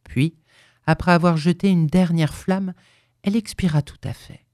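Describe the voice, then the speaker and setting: A woman reading a horror story aloud in a hushed, suspenseful way. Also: lowish voice, steady tone, moderate pace, dry recording. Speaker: narrator.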